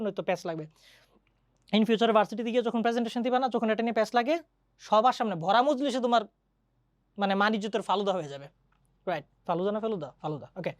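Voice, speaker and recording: A woman teaching an English grammar lesson, chatty and quick, often asking her students questions. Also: fairly high pitch, no echo, studio quality. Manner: mixes English grammar terms into Bengali. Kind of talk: online exam-prep lesson.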